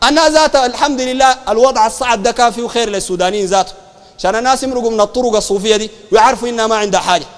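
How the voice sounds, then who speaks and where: Fast, high-voiced Sudanese preacher. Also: male voice, big-room sound. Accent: Sudanese Arabic. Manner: animated, mocking asides and rhetorical questions. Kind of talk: colloquial sermon.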